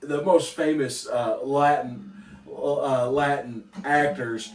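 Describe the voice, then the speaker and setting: A man co-hosting a podcast in casual chat, animated and exclaiming often as he talks. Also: medium pitch, slow. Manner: animated, exclaims often, mocks bad accents. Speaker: podcast co-host. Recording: echoey room, mic at a distance.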